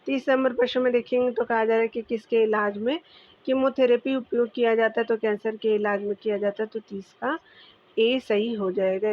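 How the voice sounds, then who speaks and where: Woman teacher reading quiz answers. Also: on the high side. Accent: Bihari Hindi. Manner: steady, repetitive, addresses viewers as dear. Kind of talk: exam quiz answer walkthrough. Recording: dull lo-fi recording.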